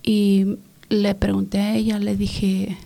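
A woman whose first language is English, giving an earnest personal faith testimony in an interview. She speaks softly and often drops into a whisper. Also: mid-range voice, completely flat delivery, slow pace, creaky. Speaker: interview guest.

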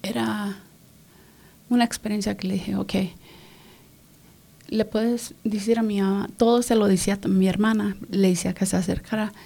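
A woman whose first language is English, giving an earnest personal faith testimony in an interview. She speaks softly and often drops into a whisper. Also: mid-range voice, level tone, moderate pace, gravelly, pauses often. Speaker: interview guest.

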